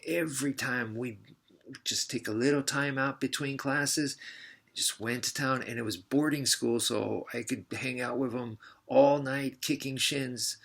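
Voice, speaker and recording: A man's voice: mid-range voice, steady tone, unhurried, vocal fry, a bit bright. A male martial arts instructor telling a personal story in a casual, rambling way, mocking himself and repeating words for emphasis.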